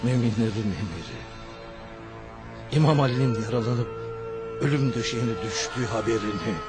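An actor playing a grave eyewitness in a historical drama, bringing bad news to his companions in a measured, solemn way. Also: on the low side, over loud music, natural voice. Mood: somber, insistent. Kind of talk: dubbed historical drama dialogue.

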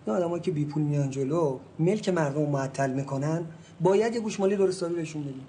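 A man's voice: fairly high pitch, dark tone, a little hiss or hum, close to an everyday voice. An actor playing a middle-aged male real estate agent, by turns soothing and threatening. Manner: soothing, then blustering and threatening.

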